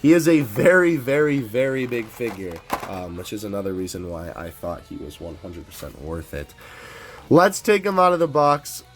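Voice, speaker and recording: A man hosting a casual toy unboxing, excitable and laughing often, stumbling over his words. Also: lowish voice, moderate pace, over music.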